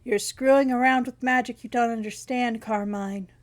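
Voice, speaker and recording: A woman voicing a tough woman field agent who speaks loudly and bluntly. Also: a little high, fairly even intonation, moderate pace, natural voice. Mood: confronting. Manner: loud, blunt, challenging.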